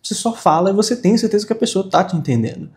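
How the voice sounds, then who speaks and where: Young Brazilian man, English teacher, fairly high voice, informal and energetic, repetition drills. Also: very fast. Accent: Brazilian Portuguese. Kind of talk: casual video lesson.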